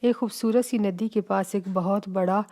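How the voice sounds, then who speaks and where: A woman's voice: medium pitch, fairly even intonation, warm tone. A woman reading a scripted children's story as narrator, in storybook style.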